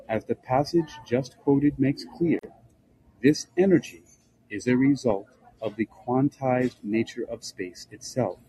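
A man reading a nonfiction book aloud in a measured, formal, scholarly way, with a husky, rough-edged voice. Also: mid-range voice, dark tone, low-quality recording. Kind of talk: scripted narration, reading aloud.

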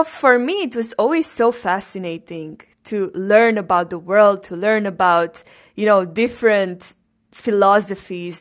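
Slow-talking young woman podcast host. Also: mid-range voice. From Romania. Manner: earnest, grateful, unhurried. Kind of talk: casual personal monologue.

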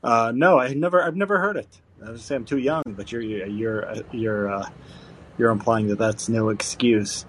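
A man in his thirties, a podcast co-host, talking in a hesitant, halting way with many restarts. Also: mid-range voice, fairly bright tone, slight background noise. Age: 30s. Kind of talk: casual call-in podcast chat.

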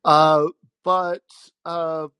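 Halting man in informal solo commentary, dry phone mic. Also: a little high, level tone, bright, forceful tone, clean tone, no room sound. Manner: halting, chuckles mid-sentence. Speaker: podcast host taking callers. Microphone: phone held like a call, no headset.

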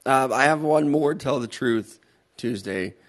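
A man's voice: medium pitch, a little slow. A man co-hosting a talk show, telling stories casually and bluntly, swearing freely. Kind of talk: casual banter and storytelling.

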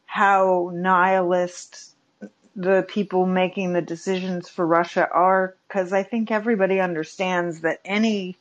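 A woman's voice: on the low side, fairly even intonation, a little slow, highs cut off. A woman calling in to a podcast, asking her question in a hesitant, rambling way. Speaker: caller. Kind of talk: call-in question.

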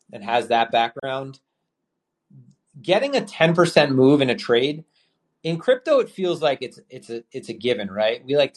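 This is a male podcast host with a medium-pitched voice, taking calls live and talking trading in a laid-back way. His speech meanders through fillers and restarts, with casual swearing and hiccups breaking in.

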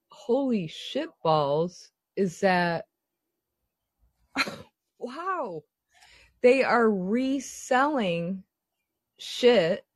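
Lowish woman ranting slow n sweary, toothless lisp on the s's, casual chat, really dry sound. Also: dry recording. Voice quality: lisping, slurred S sounds from missing teeth. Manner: sweary, exasperated rambling.

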